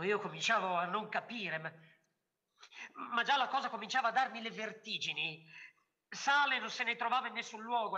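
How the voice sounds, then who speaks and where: A woman reading a first-person literary story aloud on a theatre stage, with expressive narration. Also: on the high side, highs cut off. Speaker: reader.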